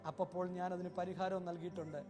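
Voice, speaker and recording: A preacher voicing the gentle Lord, soft and tender. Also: male voice, high voice, little pitch movement, fast, over music, voice pushed down, natural voice. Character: gentle loving Lord speaking to a soul in heaven.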